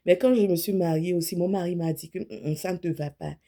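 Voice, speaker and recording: Chatting to viewers like a friend, an image consultant in her late thirties talks casually to camera, giving clothing advice and speaking frankly about her own body. Her lowish voice is warm, mellow and steady, and though she talks fast, she often pauses to rephrase or correct a word.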